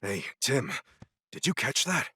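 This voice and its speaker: A small wisecracking creature detective with a lively, swooping delivery. He takes his time, wry and self-satisfied, like a cocky gumshoe in a game cutscene, over prominent music. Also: medium pitch, a little slow. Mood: alert, casual. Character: small wisecracking male detective Pikachu, coffee-loving and cocky. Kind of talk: video game cutscene acting.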